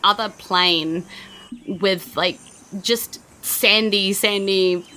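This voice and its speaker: Her medium-pitched voice stays steady, very slow, bright and forceful. She's a New Zealand-accented woman acting as game master, painting tabletop scenes for players with searching, vivid descriptions full of "like" and "you know."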